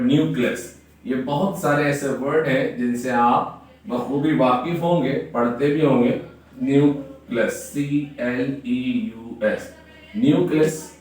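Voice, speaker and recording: A man teaching an English grammar lesson, spelling words out letter by letter and often checking back with the viewer. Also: medium pitch. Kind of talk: classroom-style grammar lesson. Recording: very echoey room, mic at a distance.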